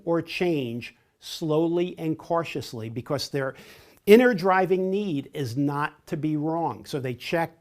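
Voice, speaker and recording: Male course trainer, fairly high voice, clear step-by-step explainer. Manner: explains step by step, acts out short example phrases. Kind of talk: instructional lecture.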